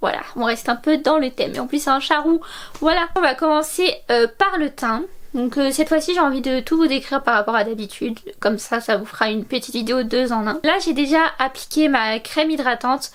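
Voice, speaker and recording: A woman's voice: high-pitched, fairly quick. A woman in her twenties giving a chatty makeup tutorial, full of fillers and gushing about products. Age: 20s. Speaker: beauty vlogger.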